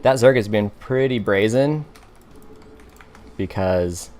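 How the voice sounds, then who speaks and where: A man with a fairly low voice talks through a strategy game as he plays it. His commentary is casual and unhurried, half thinking aloud and half explaining to viewers. Keys clack now and then under his words. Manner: relaxed, self-talking, explains moves as he plays. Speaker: gaming commentator.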